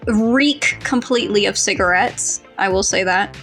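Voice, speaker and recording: A woman's voice: mid-range voice, a little slow, a bit bright, soft background music. A young woman co-hosting a casual podcast chat, giggly and often laughing through her words. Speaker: co-host ranking her fictional crushes.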